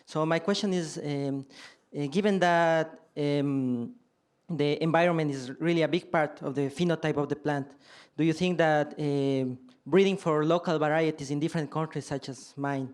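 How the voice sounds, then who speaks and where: A man from Ecuador in the audience, asking a question hesitantly with many pauses and fillers. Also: on the high side, fairly even intonation, a little mellow, clean tone.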